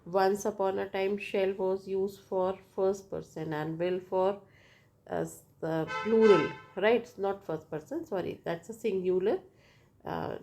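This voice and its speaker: A woman with an Indian accent giving a lecture explanation as a teacher, halting and repetitive, often checking in with "right?". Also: mid-range voice, mellow. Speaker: linguistics teacher.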